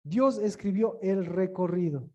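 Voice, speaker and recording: A man's voice: high-pitched, unhurried, a little mellow, muffled recording. A man teaching in a sermon style, asking the listeners many rhetorical questions and often repeating and restarting his words. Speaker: preacher.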